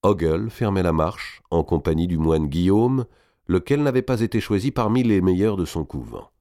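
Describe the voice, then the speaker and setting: Deep-voiced man narrating a historical novel. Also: lively intonation, moderate pace, dark tone, dry recording, studio quality. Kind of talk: audiobook narration.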